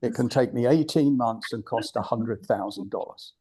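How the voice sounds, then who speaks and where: With a crowd audible in the background, an older British guest speaker addresses a club in an informal presentation. His pitch is medium and his pace normal, and he's blunt and digressive, frequently starting sentences over.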